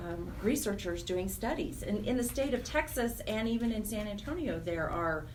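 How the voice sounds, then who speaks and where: With lively intonation and a somewhat dark, medium-pitched voice, this American radio guest speaks at normal speed. She directs programs for a nonprofit chapter and explains her points with earnest emphasis, picked up by a faraway mic with slight noise.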